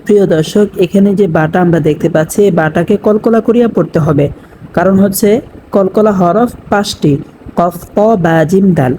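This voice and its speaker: A woman teaching Quran recitation rules to viewers. She spells out each letter and vowel mark, then recites the word slowly, stretching its sounds, and explains the rules in between. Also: medium pitch, warm tone, a little hiss or hum, low-quality recording. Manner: addresses viewers directly and checks understanding. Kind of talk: tajweed lesson with spelled-out recitation.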